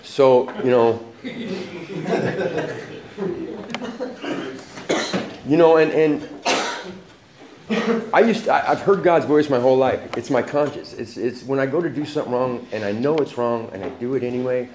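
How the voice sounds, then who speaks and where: A man's voice: medium pitch, lively intonation, takes it slowly, pauses often. Forties guy telling his story, street slang, laughs a lot, echoey room, noisy background. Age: 40s. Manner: street slang, laughs often while talking. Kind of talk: casual personal storytelling. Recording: echoey room with noise behind.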